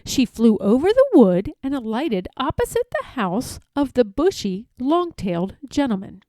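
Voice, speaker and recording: A woman reads a children's story aloud, her intonation very lively and swooping. Her fairly high voice stays mellow and unhurried, captured in a close, dry recording with no echo.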